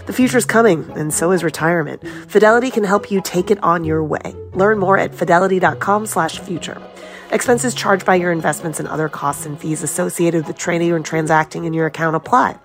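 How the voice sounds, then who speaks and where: A woman with a fairly low voice reads scripted podcast ads. Her delivery is smooth and upbeat, and faint music plays underneath. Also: a little fast. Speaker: ad reader for a podcast. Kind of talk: scripted ad read.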